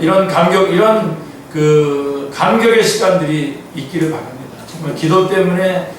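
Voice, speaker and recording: High-voiced pastor in an echoey church. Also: male voice, fairly bright tone, a little hiss or hum. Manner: reads scripture aloud then explains it, asks the congregation questions. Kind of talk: afternoon Bible study sermon. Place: church sanctuary. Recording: echoey church hall, mic from far off.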